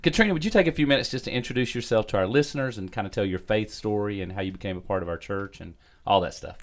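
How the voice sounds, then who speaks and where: A man's voice: lowish voice, fast. A man who is a pastor and podcast host, chatting casually and joking in an easygoing way. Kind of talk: casual chat.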